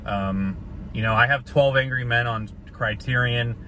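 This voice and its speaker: A man's voice: mid-range voice, unhurried, poor audio. A man in his thirties chatting casually in a film vlog, recorded inside a car on a dashboard phone. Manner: chatty and conversational, gesturing with his hands. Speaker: film vlogger. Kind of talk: casual talking-head vlog. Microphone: phone camera on the dashboard. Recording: loud car and street noise behind.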